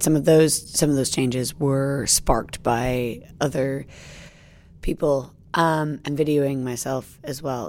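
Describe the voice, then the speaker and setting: A woman's voice: extremely low pitch, a little mellow. A woman comedian from the United States, a guest in a casual interview chat, who rambles with many fillers and restarts.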